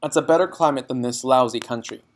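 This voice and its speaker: A man's voice: mid-range voice, fast talker, natural voice. A man voicing a storybook father who is irritable, curt and domineering, snapping impatiently. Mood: grumbling.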